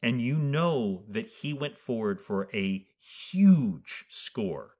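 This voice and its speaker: A man narrating a tabletop game as game master, improvising in halting, deliberate phrases. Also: mid-range voice, lively intonation, a little mellow, husky.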